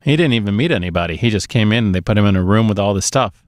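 A man in his thirties or forties co-hosts a movie podcast, chatting casually through film reviews. He speaks very fast in a lowish voice with lively intonation, close to a boom-arm podcast mic in a small dark home studio, with no echo.

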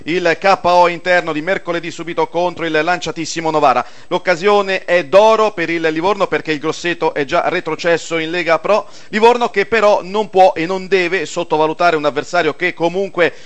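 A man's voice: a little high, fairly even intonation, fairly quick, hardly any pauses, fairly bright tone. Man giving a radio match report. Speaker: football radio commentator.

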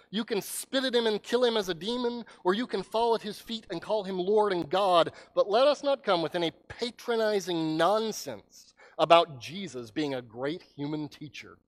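High-voiced pastor preaching a dramatic sermon. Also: male voice. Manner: dramatic storytelling, swings from loud to hushed.

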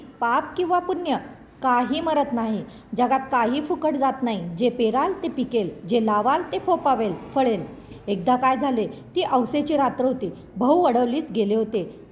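A woman reading a classic story aloud with measured, expressive narration. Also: high voice, slight background noise.

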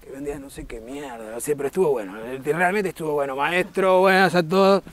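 A man's voice: on the high side, fairly quick, fairly bright tone, soft background music, pitched below the performer's own voice, natural voice. A man voicing a cheeky male puppet with a Rioplatense Argentine accent, greeting a crowd with crude, teasing banter.

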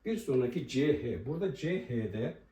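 A man teaching a language lesson at a board, explaining pronunciation and slowly repeating each example word. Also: medium pitch, animated, mellow. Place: room with a writing board. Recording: roomy echo, voice from a distance.

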